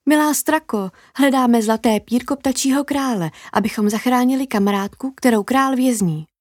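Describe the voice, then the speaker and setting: A woman voicing a clever, eager little girl in a children's story, speaking in a bright, eager way. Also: fairly high pitch, dry recording, studio quality, lightly acted.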